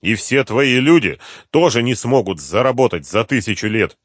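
Shouting with rage, a man performs a hot-tempered, angry smuggler for an audiobook. He uses a natural, mid-range voice raised above his own pitch, delivered animatedly at a moderate pace, in clean studio sound without room noise.

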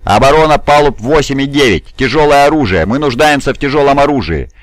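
A man voicing a male general who shouts orders to rally his troops in a battle. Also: mid-range voice, lively intonation, brisk, no room sound, pitched above the performer's own voice, natural voice. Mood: desperate yelling.

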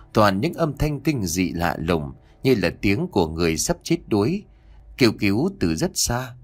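Male storyteller for a horror audiobook: low, dramatic, widely swinging pitch. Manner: dramatic, expressive reading. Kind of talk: scripted horror story narration.

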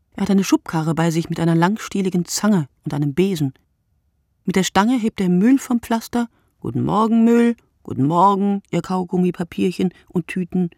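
In a scripted literary radio play monologue, an actress voices a weary, observant woman watching the early-morning street from her window. She speaks in measured, short phrases with a husky, breathy, somewhat mellow mid-range voice that often sinks to near whisper, recorded with studio quality and no room sound.

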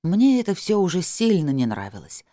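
An expressive audiobook narrator telling a first-person story and acting out the dialogue. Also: medium pitch, moderate pace, no room sound, clean studio sound.

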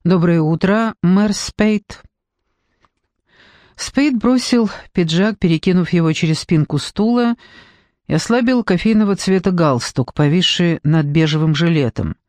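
A man narrating an audiobook in an even, measured storytelling manner. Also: high voice, no room sound, clean studio sound. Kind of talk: scripted narration.

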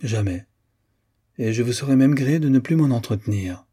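A man's voice: mid-range voice, animated, moderate pace, mellow, breathy edge. A man doing a reserved, melancholy young woman. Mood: guarded. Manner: curt, firm, restrained. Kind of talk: audiobook character voice.

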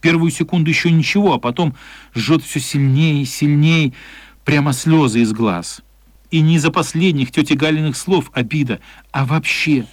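An actor playing a thoughtful storyteller, narrating a children's radio play in an expressive, reflective way. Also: male voice, fairly high pitch, normal speed, no echo, lightly acted. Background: music.

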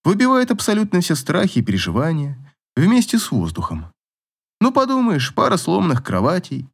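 A man's voice: high voice, wildly swooping pitch, brisk, gravelly, husky, voice pushed up, exaggerated voice. An actor playing a sardonic, swearing man who teases and mocks. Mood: mocking. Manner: mocking, swears.

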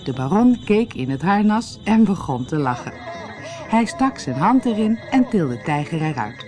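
A woman narrating a children's fairy tale audiobook in a lively, expressive way. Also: mid-range voice, measured pace, faint music behind. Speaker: storyteller.

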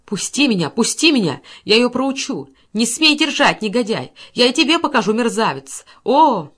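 A woman's voice: on the high side, big pitch swings, normal speed, a bit bright, slightly rough, voice pushed up, exaggerated voice. Casting: a woman playing a hysterical, jealous wife shrieking threats, audiobook scene. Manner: screaming, shrieking curses. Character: jealous woman in a frenzied rage.

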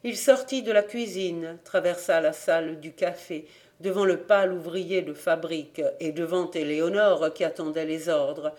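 High-voiced man narrating a novel. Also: moderate pace. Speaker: audiobook narrator. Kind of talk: literary audiobook narration.

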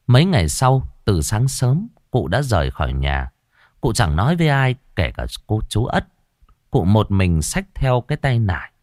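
Deep-voiced man telling a ghost story. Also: darkish tone, no echo, studio quality. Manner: dramatic, suspenseful delivery.

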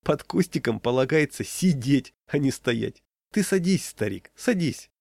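Storybook prankster pal, high-pitched and mocking, as a male reader puts him on; dry close sound. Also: expressive, a little slow, creaky, a little mellow, dry recording. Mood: teasing. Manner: teasing, giggly. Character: jolly joking adult man friend.

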